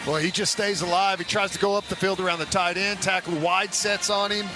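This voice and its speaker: A radio color commentator breaks down each play conversationally during a live football broadcast, with music and a noisy stadium around him. His voice sits high, steady in tone, and fairly quick.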